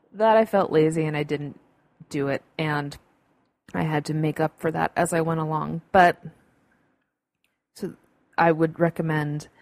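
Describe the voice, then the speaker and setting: A woman's voice: deep voice, no room sound. A woman hosting a solo podcast, giving casual advice in an upbeat, chatty, emphatic way. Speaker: podcast host. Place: home room with windows open.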